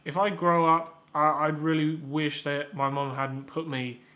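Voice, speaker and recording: The young male host of this comedic YouTube review has a fairly high voice, pushed and bright, delivered flatly and without hurry. His casual commentary is rambling and sarcastic, peppered with stammered restarts and swearing.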